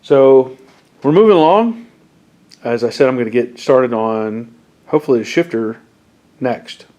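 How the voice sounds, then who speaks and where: On a lo-fi recording, a fifties-aged man with a head cold walks viewers of his garage channel through his car build in his home garage. His mid-range voice keeps a measured pace, and his casual workshop talk is relaxed, plain-spoken and full of fillers.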